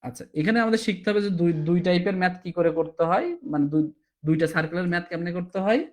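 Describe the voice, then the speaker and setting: A man teaching a recorded exam-prep class, explaining step by step and often asking "ঠিক আছে?", sounding tired. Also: on the high side. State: tired, low on energy.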